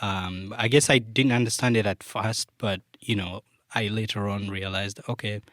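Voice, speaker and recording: A young Ugandan man who speaks Luganda and works as a software developer chats casually as a podcast guest. He's relaxed and full of fillers like "like" and "you know." His fairly low voice moves at a moderate pace in a studio-quality recording with no room sound.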